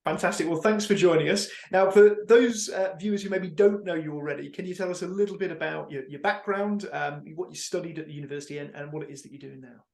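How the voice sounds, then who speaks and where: A man's voice: fairly high pitch, fast talker, creaky, hardly any pauses, darkish tone. A man hosting an interview podcast, introducing the show and putting questions to his guest. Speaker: podcast host, university careers consultant.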